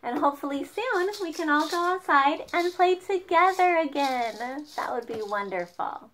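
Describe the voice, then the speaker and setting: A young woman leading a children's song lesson at home with a slow, sing-song, cheerful teacher voice. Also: high voice, animated, a bit bright, a little hiss or hum. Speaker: children's music leader. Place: home dining room.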